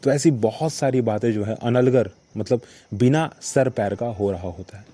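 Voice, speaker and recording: A podcast host with a warm, medium-pitched voice tells a story at a moderate pace in a relaxed, reflective monologue. He keeps checking in with quick tags like "okay" and "right," circling back to his points with "ठीक है" and "ना."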